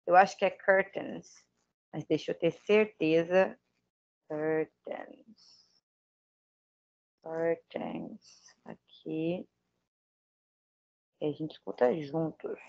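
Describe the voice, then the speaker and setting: A woman's voice: fairly low pitch, slow, vocal fry, long pauses, darkish tone, muffled recording. Chatty Brazilian woman teaching English. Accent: Brazilian Portuguese. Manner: chatty, thinks aloud, self-deprecating asides. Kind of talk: casual online lesson.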